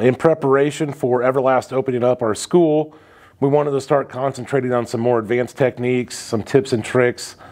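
A man's voice: medium pitch, a little mellow. A man in his thirties, a welding instructor, talking casually through a demonstration in an indoor welding shop, loose and conversational, with frequent fillers.

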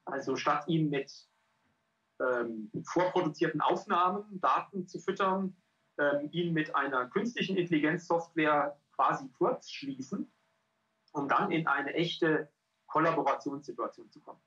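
A middle-aged man presenting a research project over a video call, halting and full of filler sounds. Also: on the high side, bright, forceful tone. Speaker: cultural scientist and pianist presenting a research project. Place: indoor room. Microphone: headset on a video call. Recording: dull lo-fi call audio.

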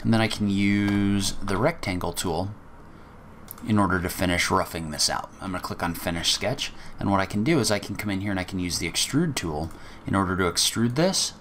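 At a brisk pace, a very deep-voiced man narrates a screen-recorded software walkthrough, taking it one step at a time in a methodical, casual way and dropping the odd filler. Faint typing and slight background noise can be heard.

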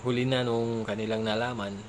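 Man vlogger giving casual advice in a mid-pitched voice. He keeps checking for agreement and chuckles now and then. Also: level tone, a little fast, a little hiss or hum. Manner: conversational, keeps asking "di ba?" for agreement; chuckles between remarks. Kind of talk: casual chat.

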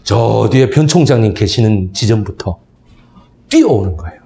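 A man's voice: on the low side, normal speed, vocal fry. A man in his thirties giving a history lecture to seniors. He tells stories and keeps asking the audience for agreement. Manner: animated storytelling, asks the audience for agreement. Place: lecture hall. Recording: echoey hall.

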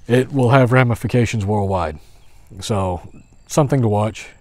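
A man in his forties walking outdoors through woods, thinking out loud in a hesitant commentary with many restarts, recorded on a phone held at arm's length. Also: lowish voice, moderate pace, no echo. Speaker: vlogger. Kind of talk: walk-and-talk commentary.

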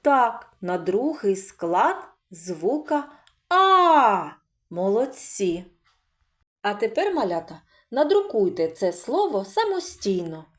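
A woman teaching preschoolers to read, sounding out words slowly and asking questions she answers herself. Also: mid-range voice, very animated, darkish tone. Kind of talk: slow, clear phonics lesson for young children.

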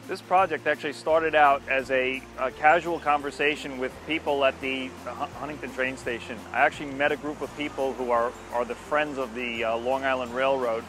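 An older man presenting for a landscape company explains something informally and unscripted to camera, speaking haltingly outdoors at a street corner by a station. His mid-range voice is fairly bright with fairly even intonation, and music plays behind him.

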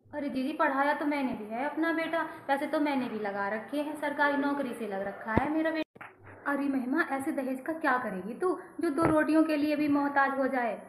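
A woman with a high voice acts out every role in a homemade family skit, switching between quarreling relatives and narration. The recording is roomy and echoey, with a faint hiss underneath. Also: normal speed. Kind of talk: homemade family skit acting all roles. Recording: echoey room with faint noise.

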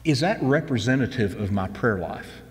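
A man's voice: medium pitch, lively intonation, normal speed, big-room sound. A man in his fifties, a pastor giving a conversational, earnest sermon from a church stage. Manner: earnest, conversational preaching with repeated phrases.

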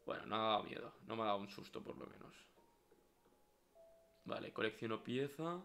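A man's voice: on the low side, fast talker, vocal fry, fairly bright tone. A man with a Spain Spanish accent streaming a horror game live, jumpy and swearing, talking to himself and dropping to whispers.

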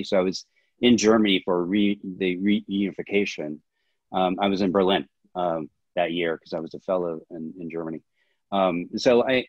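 A man's voice: low-pitched, no room sound. A man in his fifties, a film director and history professor, giving long reflective answers in a video-call interview. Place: small home room indoors. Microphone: laptop webcam on video call. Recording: dull lo-fi video-call audio.

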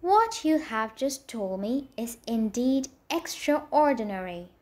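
A gentle old storybook king, read by a woman. He speaks slowly and kindly, in a fairly high, soft voice. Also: sing-song. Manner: gentle, measured. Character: kindly old male king, calm and thoughtful.

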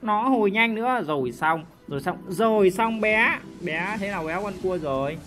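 A man doing lively, teasing commentary over his own gameplay, with mouth sound effects and sudden shouts. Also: high voice, brisk, faint music behind. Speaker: gaming YouTuber. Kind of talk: live game commentary.

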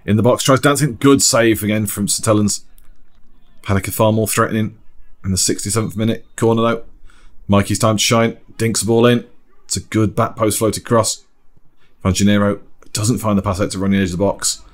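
A man giving relaxed, chatty commentary over an amateur football match, often laughing. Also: fairly low pitch, brisk.

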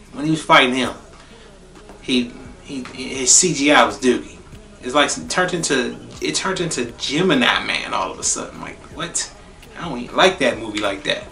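A young man giving a casual spoiler movie review, profane and blunt, repeating phrases for emphasis and jumping into high exclaims. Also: distant mic. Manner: animated, jumps into high exclaims. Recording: roomy echo, a bit off-mic, faint music behind.

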